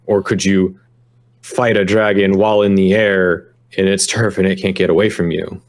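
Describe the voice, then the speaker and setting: Low-voiced man arguing a point. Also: flat delivery, normal speed. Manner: argumentative, restarts often. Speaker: player. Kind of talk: casual game chat.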